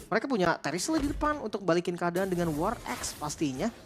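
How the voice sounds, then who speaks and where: A woman's voice: fairly low pitch, sing-song, fast talker. Woman commentating esports over noise. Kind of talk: analytical game commentary, conversational. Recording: clearly noisy game broadcast.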